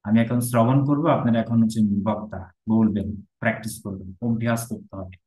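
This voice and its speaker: A man teaching a Sanskrit pronunciation lesson, slowly repeating words and often asking his students whether they follow. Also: lowish voice, steady tone, mellow, reverberant, low-quality recording. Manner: drills words slowly, repeating them, asks checking questions.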